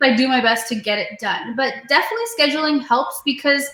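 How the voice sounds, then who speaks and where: A young woman in her twenties speaks with a high voice. She talks about teaching in an earnest, motivational way, with plenty of fillers. Her voice carries a roomy echo. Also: fast, bright, forceful tone. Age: 20s. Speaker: music teacher and studio owner, interview guest. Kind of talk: casual video interview.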